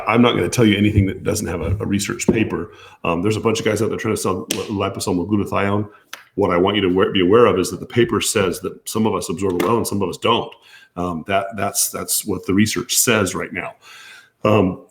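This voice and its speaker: Hoarse, gravelly low-voiced man. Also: steady tone, a little fast, a little hiss or hum. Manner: hesitant, many restarts and fillers. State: losing his voice from allergies. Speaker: doctor answering viewer questions. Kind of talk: live-stream Q&A.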